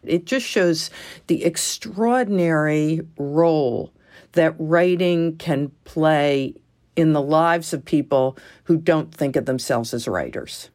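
Female author in interview, low register, unhurried delivery, deliberate and emphatic. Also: darkish tone. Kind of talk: interview talk and reading aloud.

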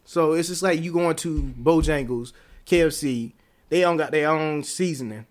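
A man in a casual interview, talking about dance in a relaxed, rambling way full of fillers and slang. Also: fairly high pitch, normal speed. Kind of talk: casual conversation.

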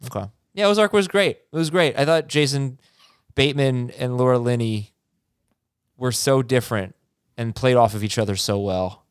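A man's voice: medium pitch, moderate pace, smooth, no echo, clean studio sound. A man with an American accent hosting a podcast, chatting informally and giving his opinions on a TV show. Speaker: podcast host. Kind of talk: casual chat, TV show discussion.

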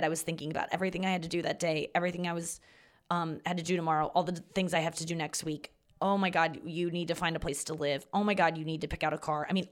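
Low-pitched woman podcaster with vocal fry. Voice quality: vocal fry, talking from the back of the throat. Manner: rambling, self-deprecating, swears casually. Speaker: podcast host and comedian. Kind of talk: casual solo podcast monologue.

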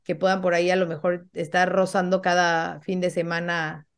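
Female podcast host, low-ish voice, measured explanations with fillers, casual chat. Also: flat delivery, clean tone.

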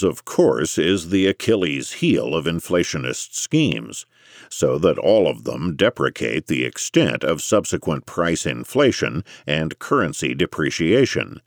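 A man reading scholarly history narration in a measured, erudite lecturing manner with dry emphasis. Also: extremely low pitch, gravelly, no echo. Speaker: audiobook narrator.

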